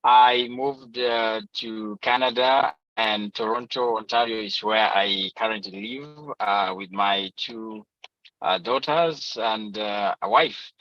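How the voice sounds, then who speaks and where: A man from Uganda, introducing himself on a video call that keeps breaking up. He talks haltingly, with many "uh" fillers. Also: on the low side, a bit bright, dry recording. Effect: video call audio, breaking up. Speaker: guest speaker, event organizer. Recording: dull lo-fi video call audio.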